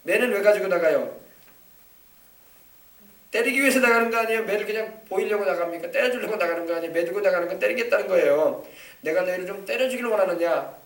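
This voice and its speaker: A male pastor preaching an emphatic sermon with call-and-response, now and then bursting into loud scolding rebukes. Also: sits high, fast talker. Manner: emphatic, shouts out scolding rebukes to make a point. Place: church sanctuary. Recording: echoey church hall from a distant mic.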